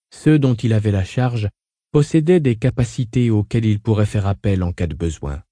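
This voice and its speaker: Low, very dark male narrator. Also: no room sound. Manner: steady, measured reading. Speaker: audiobook narrator. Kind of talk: scripted narration of a novel.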